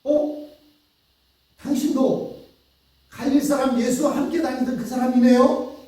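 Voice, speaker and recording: A man voicing a young servant girl who exclaims and points out a stranger, his pitch raised high. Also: flat delivery, measured pace, warm tone. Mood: accusing. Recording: echoey church hall from far off.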